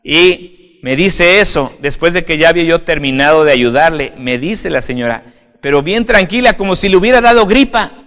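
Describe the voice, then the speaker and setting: A man's voice: a little high, moderate pace, fairly bright tone. A man, a pastor giving an informal video sermon, speaking conversationally and often checking in with the listener. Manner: conversational, often adds "right?", addresses listener as "usted". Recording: long hall reverb.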